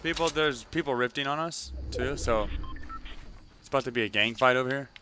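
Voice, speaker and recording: A man's voice: medium pitch, a little fast. Young man gaming, noisy squad chat. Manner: clipped callouts in slangy gamer talk. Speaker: gamer playing in a squad. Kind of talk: casual squad voice chat during a shooter game. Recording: noisy game audio with gunfire. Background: video game gunfire and clicks.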